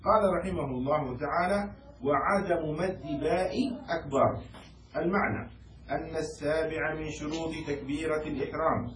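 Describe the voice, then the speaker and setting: A man explains a law text to his students in a lecture, often asking if they follow. His voice sits slightly high. It is caught from a distance in an echoey room with faint noise behind. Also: fairly even intonation, moderate pace, fairly bright tone. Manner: quizzes students and has them repeat words. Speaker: Islamic law teacher.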